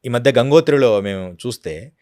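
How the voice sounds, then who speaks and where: A man's voice: mid-range voice, animated, moderate pace, warm tone, no room sound, clean studio sound. Earnest man telling yogi stories. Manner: earnest, storytelling with acted quotes. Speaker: yogi guest. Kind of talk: devotional interview talk.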